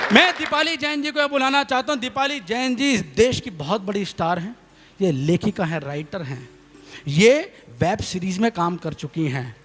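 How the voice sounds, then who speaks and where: A man's voice: high voice, big-room sound. A man performing as a comic poet and host on stage, telling a funny story, acting out the voices in it and calling for applause. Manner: animated, calls for applause, acts out quoted voices. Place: stage at a poetry gathering.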